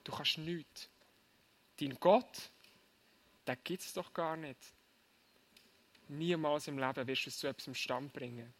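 Man doing a loud sneering mocker, shouted taunts, bright sharp tone, fairly high. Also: steady tone, a little slow, long pauses. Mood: mocking. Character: loud sneering mocker jeering a fallen strongman.

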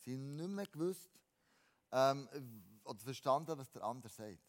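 A man delivers a sermon in an animated way, repeating words and restarting phrases as he swings between emphatic lines and quiet ones. His pitch is medium and his speed normal.

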